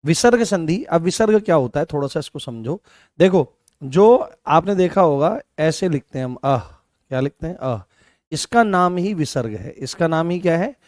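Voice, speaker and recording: A man's voice: fairly high pitch, animated, moderate pace, a little mellow, dry recording, studio quality. A man teaching a live online class, repeating key points and asking his students questions.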